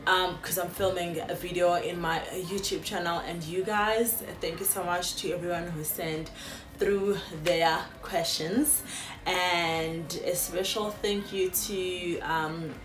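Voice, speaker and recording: A woman's voice: on the low side, fairly even intonation, takes it slowly, echoey room. A South African woman in her late twenties, chatting casually to viewers in a Q&A vlog with lots of fillers, filmed on a phone on a sofa. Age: late 20s. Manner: chatty, warm-hearted address to viewers, frequent fillers. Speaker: YouTuber. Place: indoors on a sofa in a small room. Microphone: phone camera.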